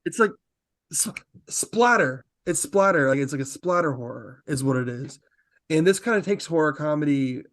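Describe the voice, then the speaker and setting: A man's voice: a little high, lively intonation, normal speed, a bit bright. A man hosting a podcast in casual chat, talking in an enthusiastic, rambling way. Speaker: podcast host.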